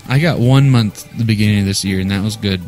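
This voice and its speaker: A man's voice: on the low side, quick pace, darkish tone, faint music behind. A man from Iowa co-hosting a casual chat, laid-back and mostly giving short, agreeing replies. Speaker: podcast co-host.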